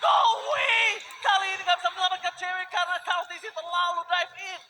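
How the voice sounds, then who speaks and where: A man with an Indonesian accent giving hyped game-announcer play-by-play, shouting key moments and dropping in English phrases. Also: very high voice, quick pace, some chatter behind. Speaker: esports match commentator.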